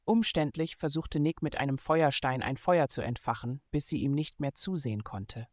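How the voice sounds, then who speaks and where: A man reading a German adventure novel aloud in steady, measured scripted narration. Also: mid-range voice, dry recording, clean studio sound. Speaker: audiobook narrator.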